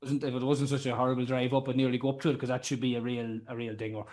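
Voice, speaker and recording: Irish male pundit, quick pace, mid-pitched, blunt colloquial sports chat. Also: little pitch movement, darkish tone. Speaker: Gaelic football pundit.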